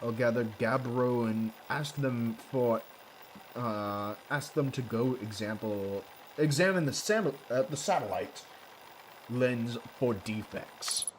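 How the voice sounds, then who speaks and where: A man voicing a pompous, excitable noble astronomer in a theatrical, improvised character voice during a game stream. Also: medium pitch, takes it slowly, slight background noise, close to an everyday voice, rough recording. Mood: puzzled.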